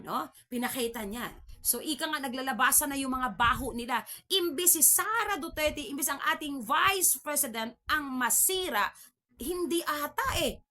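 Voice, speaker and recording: Woman from the Philippines, vlog host, high-pitched voice, casual political commentary, lots of tag questions. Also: sharp tone. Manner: chatty, frequent tag questions, mocking laughs.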